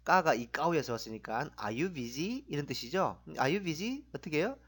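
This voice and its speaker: Middle-aged male tutor, lively pitch, encouraging, repeat-after-me drills. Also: normal speed, breathy edge. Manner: animated, encouraging, drills phrases aloud. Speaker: language teacher.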